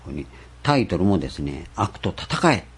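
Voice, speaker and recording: Man, sermon, husky tone, animated rising and falling pitch, emphatic. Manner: emphatic, rhetorical questions, slows down to stress scripture. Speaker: pastor.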